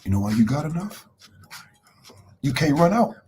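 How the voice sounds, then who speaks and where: A man's voice: fairly high pitch, big pitch swings, moderate pace, darkish tone, slight background noise. A man hosting a live motivational talk. He speaks conversationally, repeats phrases for emphasis and greets viewers by name as he goes. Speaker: motivational host.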